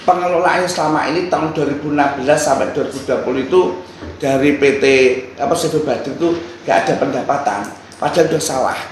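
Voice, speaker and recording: Man, halting public speech, slightly high voice, echoey meeting room, faint background noise. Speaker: speaker at a council hearing. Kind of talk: spontaneous public address.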